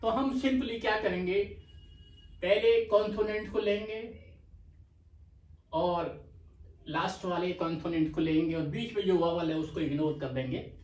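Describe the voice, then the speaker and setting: A man teaching a shorthand lesson, explaining patiently and repeating slowly for dictation, with terms spoken. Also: sits high, a little mellow. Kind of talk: slow explanatory lecture. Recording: echoey room, mic far off.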